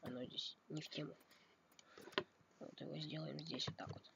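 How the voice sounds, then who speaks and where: A slightly ill man makes a casual game tutorial video, thinking aloud, correcting himself and coughing now and then. His voice is a little high, creaky and very animated, at a normal speed. The dull lo-fi mic picks up noise along with keyboard and mouse clicks.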